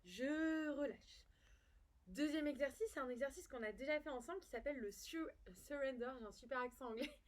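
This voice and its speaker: A woman's voice: high voice, lively intonation, a little fast. A French woman leading a home workout as a fitness instructor, upbeat and encouraging, counting repetitions aloud.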